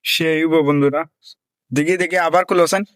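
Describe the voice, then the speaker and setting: A man's voice: a little high, fairly even intonation, moderate pace, fairly bright tone, no room sound. A man, casually commenting to viewers as a friend cooks, teasing and laughing often. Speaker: vlogger filming a friend cooking.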